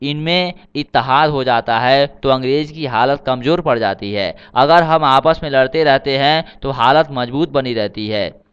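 A man's voice: mid-range voice, moderate pace, clear, resonant tone, highs cut off, lightly acted. A man voicing an earnest young man who reasons patiently for unity in a storybook reading.

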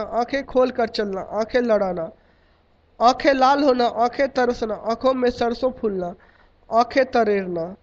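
A man reading out a long list of idioms in a steady, list-like cadence, like a lesson. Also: extremely high pitch. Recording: dull lo-fi recording.

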